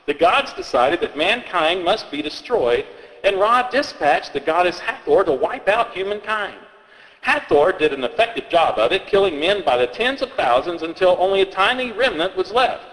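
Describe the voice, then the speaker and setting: A man's voice: high-pitched, big pitch swings, normal speed, a bit bright, in a large hall, low-quality recording. A man telling and reading folk tales aloud in a rambling, hesitant way, often restarting his sentences. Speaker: storyteller.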